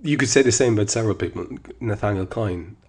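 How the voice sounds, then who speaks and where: Guy reading his own column then chatting about it, dry and candid, lowish voice. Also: fast talker, a little mellow, breathy edge. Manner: wry, wordy, candid. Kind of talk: column reading and casual commentary.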